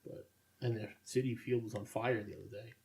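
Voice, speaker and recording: A man's voice: fairly low pitch, steady tone, a little fast, gravelly, a little mellow. A man co-hosting a casual podcast, rambling with sardonic asides. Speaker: podcast co-host. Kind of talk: casual chat.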